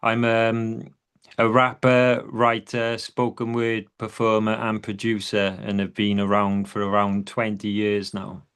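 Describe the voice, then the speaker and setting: Laid-back Welsh man, low voice. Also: monotone, measured pace, a bit bright, smooth. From South Wales. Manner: laid-back, says "yeah, man" a lot. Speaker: rapper and podcast guest. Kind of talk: casual podcast interview.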